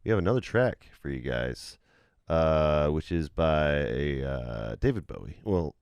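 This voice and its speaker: A man's voice: rumbling low, animated, takes it slowly, a little mellow, clean tone, no room sound, highs cut off. A man hosting a casual chat about a film soundtrack, laid-back, with lots of fillers and "yeah, yeah" agreements. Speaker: podcast host.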